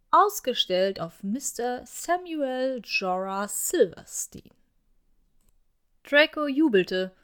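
A woman narrating a fan fiction story aloud in an expressive storytelling manner. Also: medium pitch. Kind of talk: fan fiction audiobook reading.

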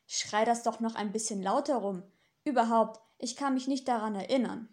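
A woman's voice: on the high side, normal speed, darkish tone, close to an everyday voice. A woman voicing a sardonic, centuries-old male demon in an audiobook, talking with dry mockery. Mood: irritated. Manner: sneering, dry, mocking. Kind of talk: audiobook character reading.

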